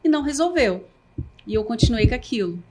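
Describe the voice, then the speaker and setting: A woman's voice: on the high side, lively intonation, a little fast, noisy background. A woman with a Brazilian Portuguese accent, a podcast guest speaking earnestly and emotionally about her own life, with many restarts. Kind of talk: candid personal talk show conversation.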